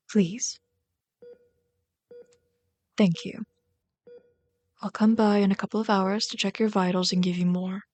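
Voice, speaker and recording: In an intimate ASMR roleplay, a woman voices a bitter, yearning female villain, brooding and dramatic, drifting into breathy whispers. Her voice is medium-pitched, and the mood is an irritated tenderness.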